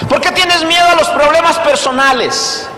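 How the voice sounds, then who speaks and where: A male pastor preaching a sermon, emphatic, with repeated rhetorical questions, swinging between loud and hushed delivery. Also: extremely high pitch, moderate pace, noisy background. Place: church hall. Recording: echoey hall reverb.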